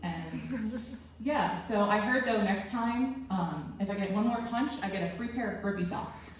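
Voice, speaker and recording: A woman's voice: medium pitch, measured pace. A woman in her twenties doing rambling, crude, self-deprecating stand-up storytelling in a small club room. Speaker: stand-up comedian. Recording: very echoey room, distant mic, faint noise.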